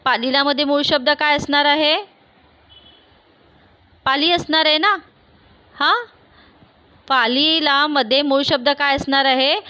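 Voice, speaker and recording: A woman with a Marathi accent teaches a grammar lesson, working through the points step by step and answering her own questions. Her voice is high and bright. The recording is close and dry, with no room sound. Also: steady tone, a little slow, pauses often, dry recording.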